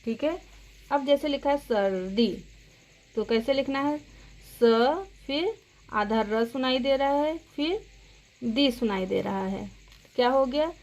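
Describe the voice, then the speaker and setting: A woman's voice: sits high, slow, long pauses, a little mellow. A woman teaching young children a grammar lesson, speaking patiently and spelling out words sound by sound. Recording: dull lo-fi sound.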